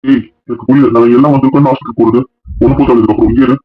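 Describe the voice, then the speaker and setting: A man voicing a stern, grumbling old grandfather in a family drama, scolding in a gruff, baffled way. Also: mid-range voice, fairly even intonation, racing, narrow, tinny audio, pitched below the performer's own voice, close to an everyday voice.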